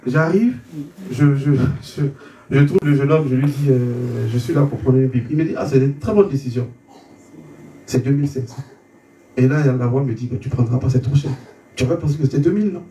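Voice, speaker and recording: A man tells his story in a mellow, warm voice, stumbling over repeated words as he acts out the exchanges. He sits back from the mic in a roomy space, and a faint hum runs underneath. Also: medium pitch, fairly quick, recorded from a distance. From Côte d'Ivoire. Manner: stumbling repetitions, re-enacting dialogue. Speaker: guest giving a testimony. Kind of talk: conversion testimony, storytelling.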